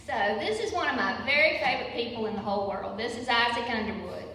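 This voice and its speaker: A woman's voice: on the high side, lively intonation, quick pace, pushed and bright. An older woman with a Southern US accent giving an informal, folksy public lecture in a conversational way. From Patrick County, Virginia, United States. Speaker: guest lecturer and local history teacher. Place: large echoey room at a public lecture. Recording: very echoey hall, distant mic, faint noise.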